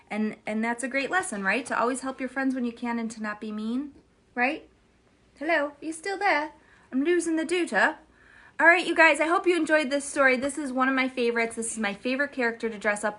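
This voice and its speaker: Woman, children's story host, animated read-aloud, chatty with viewers, fairly high voice. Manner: animated and chatty, addresses viewers as "you guys".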